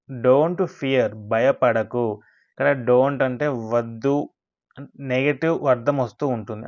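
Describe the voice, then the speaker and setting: A man teaching English words in a slow vocabulary lesson, repeating each word and its meaning. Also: mid-range voice, highs cut off.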